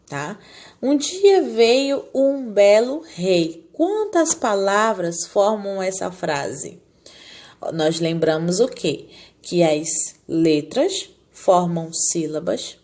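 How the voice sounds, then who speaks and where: A woman teaching a recorded lesson to young children. She explains patiently and keeps asking the class questions, then answers them herself. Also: fairly low pitch. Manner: talks down gently to small children. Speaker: primary school teacher.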